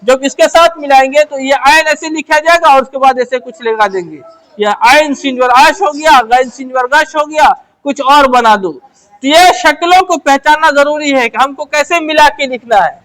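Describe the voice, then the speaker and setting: A woman with a high voice teaches how letters are written, step by step. She keeps asking quick questions and answering them herself. She repeats her phrases as she works through each shape. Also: fairly bright tone. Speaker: Urdu teacher. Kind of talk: letter-by-letter script lesson.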